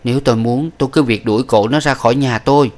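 A man reading an audiobook, voicing a proud young wife who lectures in a cool, measured way. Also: medium pitch, a little mellow, voice pushed up, close to an everyday voice. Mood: cold, firm. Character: young woman, proud, cold-tempered wife. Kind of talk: audiobook character voice.

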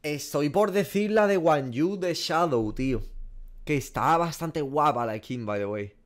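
Speaking at a measured pace in a fairly high voice, a young Spanish streamer with a Spanish accent reacts casually while guessing game skins from a small indoor room. Animated and self-deprecating, he swears frequently.

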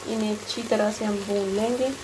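Flat-voiced woman narrating a home recipe. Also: medium pitch. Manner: plain, unhurried instructional delivery. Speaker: cooking channel host. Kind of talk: step-by-step recipe voice-over. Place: home kitchen. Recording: loud cooking noise behind voice.

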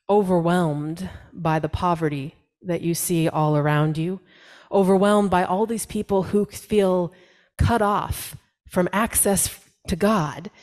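A woman pastor delivering a storytelling sermon in the second person, with dramatic pauses and quoted voices. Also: lowish voice, a little mellow.

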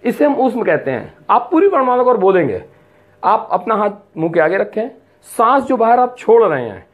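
Male tutor, lively pitch, drills sounds one by one, muffled lo-fi sound. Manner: spells out sounds slowly and repeats them, mixing in English words. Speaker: teacher. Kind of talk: classroom lesson. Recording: dull lo-fi recording.

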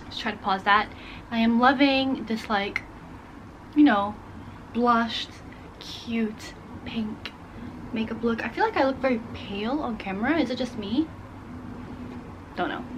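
Talking to a camera set on her bedroom desk, a twentysomething vlogger whose first language is Portuguese rambles casually and uses lots of fillers. Her voice is fairly high, and there's noise in the background.

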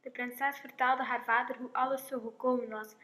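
Fairy-tale narrator, woman: steady and plain, high-pitched. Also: moderate pace.

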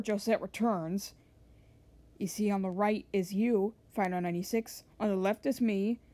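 A woman talking casually about her video thumbnails as she shows them, rambling and excited, often restarting her sentences. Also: mid-range voice. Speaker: channel owner showing thumbnails. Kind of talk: casual screen-share narration.

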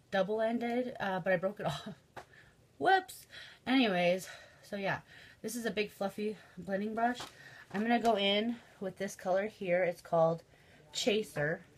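A woman's voice: medium pitch, slight background noise. Chatty young woman with a stuffy nose. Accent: Midwestern American. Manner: chatty, filler-heavy, says um and like often. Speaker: beauty vlogger. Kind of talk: casual makeup tutorial chat.

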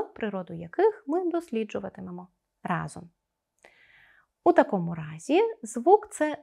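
Lively, expressive woman teacher. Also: medium pitch, vocal fry. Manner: careful, articulated pronunciation of sounds; expressive, explaining to pupils. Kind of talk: scripted video lesson.

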